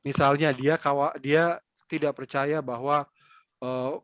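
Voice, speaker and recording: A man giving an online lecture in a conversational way, acting out quick examples of what people might say. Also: mid-range voice, fairly even intonation, fairly bright tone, no room sound, dull audio.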